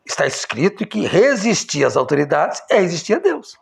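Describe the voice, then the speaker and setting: Gravelly, animated preacher man. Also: moderate pace. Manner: emphatic, swinging from loud exclamations to low quiet lines. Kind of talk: impassioned religious sermon.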